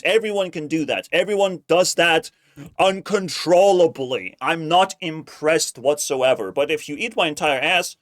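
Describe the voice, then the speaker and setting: A man hosting a reaction video with casual, profane, mocking commentary and drawn-out emphasis. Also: high voice, no echo, studio quality.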